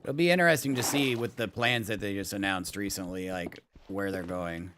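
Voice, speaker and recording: A man live-streaming a game, chatting casually, reading out chat, thanking viewers for follows and subs, and breaking into excited laughter. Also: sits low, moderate pace, background noise.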